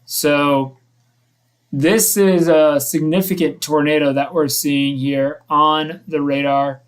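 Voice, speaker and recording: Male live weather host, voice a little high, unscripted severe weather commentary, somewhat halting and self-correcting as he analyses. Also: fairly even intonation.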